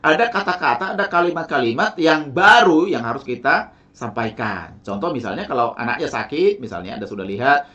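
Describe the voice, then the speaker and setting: A man's voice: medium pitch, brisk, dull audio. A man teaching follow-up sales technique in a motivational lecture, often tagging his sentences with "ya" and acting out sample dialogue. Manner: animated, tags sentences with "ya" and "teman-teman"; acts out sample sales dialogue in lively voices. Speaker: sales and network-marketing trainer.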